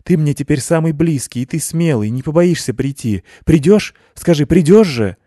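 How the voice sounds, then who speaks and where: A man reads the part of an intense, clingy eighteen-year-old girl, her voice lifted high and tight with nervous urgency as she pleads and insists. The recording is dry and close, with no room sound. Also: a little slow, a little mellow, no room sound, natural voice. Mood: fervent pleading.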